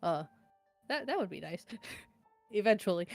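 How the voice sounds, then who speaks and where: A woman's voice: fairly low pitch, very animated, unhurried, gravelly, dry recording, soft background music. A woman playing in a tabletop game, talking in character with stammers and giggles.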